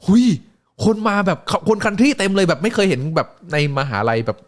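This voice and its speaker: A man's voice: high voice, very animated, brisk. A man streaming, telling a story in casual chat with crude slang and acted-out voices.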